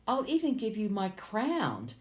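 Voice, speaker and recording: A woman's voice: mid-range voice, wildly swooping pitch, measured pace, voice pushed up. A woman doing a whiny spoiled princess. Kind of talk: children's storytime.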